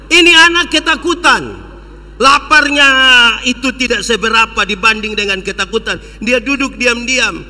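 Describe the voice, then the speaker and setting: A high, very bright male voice, telling a story in a dramatic sermon. He speaks directly to the congregation in a large church hall. A long reverb trails every phrase. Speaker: preacher.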